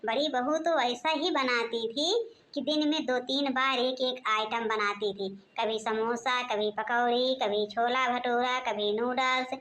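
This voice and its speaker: A woman's voice: a little high, a bit bright. Woman voicing a grumbling old cartoon mother-in-law. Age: older. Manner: complaining, nagging, muttering plots to herself. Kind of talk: cartoon voice acting.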